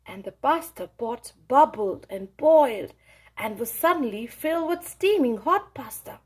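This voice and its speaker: A woman reading a children's storybook aloud in an expressive, deliberate storytelling manner. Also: sits high, husky. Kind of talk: animated read-aloud storytelling.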